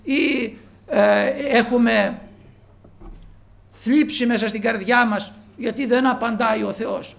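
A man preaching a sermon, earnest, calling his listeners brothers and moving between soft, low passages and raised ones. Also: steady tone, gravelly.

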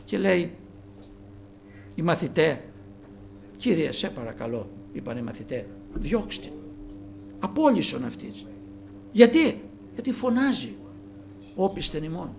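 A man preaching a sermon, earnest, calling his listeners brothers and moving between soft, low passages and raised ones. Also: sing-song, creaky, long pauses, slight background noise.

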